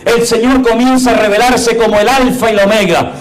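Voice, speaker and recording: A middle-aged male pastor preaching a sermon in a church, fervent, moving between hushed and exclaiming passages. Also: very high voice, steady tone, brisk, echoey room, a crowd in the background, rough recording.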